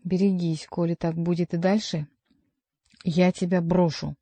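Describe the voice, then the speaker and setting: A woman's voice: lowish voice, little pitch movement, unhurried, warm tone, no room sound. A woman voicing a stern male jester who scolds a monk, reading a storybook aloud. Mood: scolding.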